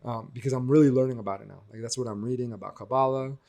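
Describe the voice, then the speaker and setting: A young man from the United States, a guest speaking reflectively in a casual interview, lively when he quotes others. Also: mid-range voice, racing, vocal fry.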